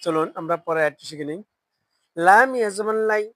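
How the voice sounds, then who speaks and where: A Quran reading teacher with a Bangladeshi Bengali accent who spells each word letter by letter, chants it slowly and asks learners to repeat after them. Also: medium pitch, a bit bright, dry recording, poor audio. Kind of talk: slow spelled-out recitation lesson.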